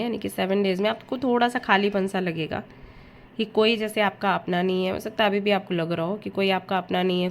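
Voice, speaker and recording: A woman's voice: lowish voice, slight background noise. Chatty woman giving a tarot reading. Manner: chatty, addresses viewer directly, mixes English words into Hindi. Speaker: tarot reader. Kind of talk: casual tarot reading to camera.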